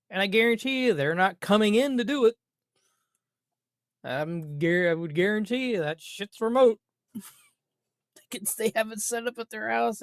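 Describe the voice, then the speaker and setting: A gaming commentator with a high, creaky voice delivers an unscripted, exasperated rant about a video game, grumbling and swearing with emphatic repetition and rhetorical questions. The recording is dry and studio quality.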